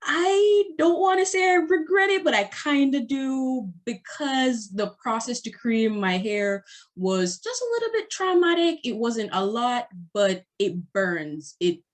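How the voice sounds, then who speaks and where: A young woman guest telling personal stories in a chatty, animated way. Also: a little high, measured pace. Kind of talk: casual personal storytelling.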